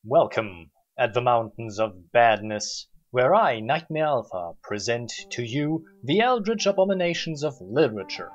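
A man's voice: mid-range voice, dull audio. A man hosting a mock-dramatic reading of a novel, theatrical and full of sarcastic asides. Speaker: host reading aloud a novel and mocking it.

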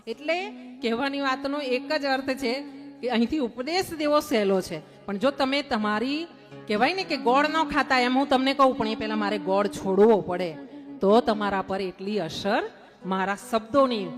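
A woman narrating a devotional story sermon in a lively, rhythmic way, with frequent asides. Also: fairly high pitch. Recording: long hall reverb with music behind.

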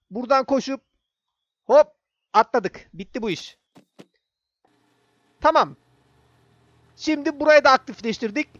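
A man's voice: extremely high pitch, no echo, dull audio. A young man giving casual gameplay commentary, chatting to the game character and to viewers. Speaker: gaming YouTuber.

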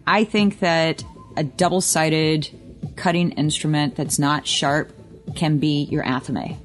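Woman, lowish pitch, casual podcast chat, emphatic, repeats herself, swears easily. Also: steady tone, slow pace, faint music behind. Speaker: podcast co-host, witchcraft shop worker.

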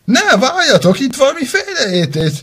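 A man's voice: very high-pitched, wildly swooping pitch, a bit bright, slightly rough. A man performing in an amateur cartoon, talking in a playful, theatrical way.

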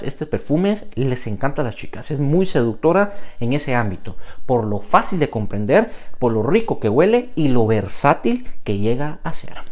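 Young male fragrance reviewer, enthusiastic, very animated pitch, mid-range voice. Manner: enthusiastic, lively intonation. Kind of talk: product review vlog.

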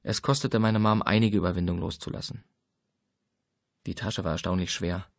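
A man reading a first-person novel aloud as audiobook narrator, in a measured, subdued way. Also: low voice, steady tone, dry recording, clean studio sound.

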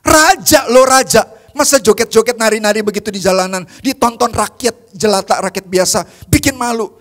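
A man's voice: sits high, moderate pace, a bit bright. A male preacher voicing an embarrassed royal wife who scolds her husband in a sermon retelling. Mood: scolding. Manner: scolding, exasperated.

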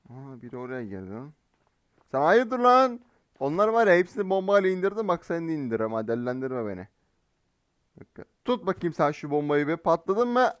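A man giving live gameplay commentary as a mobile game streamer, excitable and teasing in slangy banter. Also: fairly high pitch, fast talker, smooth, dry recording. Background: faint game gunfire.

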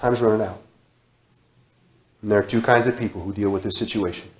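A man in his thirties preaching a sermon in a church sanctuary, repeating phrases with emphasis and sudden drops to a hush. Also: fairly low pitch, steady tone, brisk. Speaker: guest preacher. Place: church sanctuary, large indoor room. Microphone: far camera, room mic. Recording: echoey church hall.

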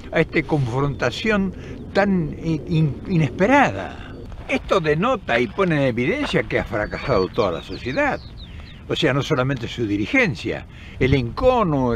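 Here an older Argentine political commentator addresses the camera up close, outdoors beside a forest path in the countryside. His mid-range voice is earnest and impassioned, full of emphatic restarts and repeated words. A faint hiss or hum runs underneath.

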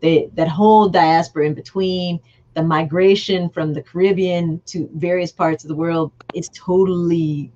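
Woman, guest author, emphatic and earnest, lowish voice, dull lo-fi call audio. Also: steady tone, moderate pace, mellow. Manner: earnest, emphatic, explaining at length. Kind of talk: casual chat.

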